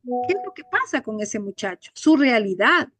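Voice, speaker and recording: A woman's voice: fairly high pitch, very animated, normal speed, a bit bright, dry recording. A woman teacher, giving an online class from home and telling a story in an earnest, indignant way.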